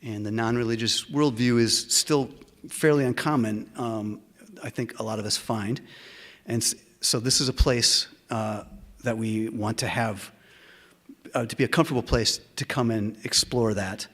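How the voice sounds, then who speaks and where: Halting man opening a community meeting. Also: medium pitch, a bit bright. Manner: halting, frequent uh and um fillers, tries to slow down. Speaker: organization vice president opening a community meeting. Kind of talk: welcoming announcements at a community gathering. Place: meeting room with a live audience.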